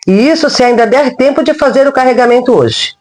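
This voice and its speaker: A woman's voice: high-pitched, a little fast. A woman voicing a fiery older woman with a rural Brazilian accent who scolds in folksy speech. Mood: scolding.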